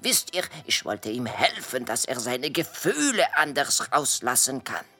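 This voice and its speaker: A woman voicing a kind male butterfly waiter with French touches in his German, soft and polite in a children's audio drama. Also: rumbling low, big pitch swings, a little slow, husky, soft background music, heavily acted. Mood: troubled.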